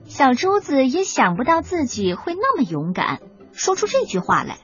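A woman narrating a children's storybook in a lively, expressive reading. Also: high voice, normal speed. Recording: dull lo-fi recording, faint music.

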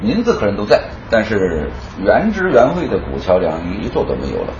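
A man answers an interview with emphasis, his low-ish voice moving lively in pitch. The sound is roomy and echoing. The audio is slightly dull. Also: moderate pace, noisy background.

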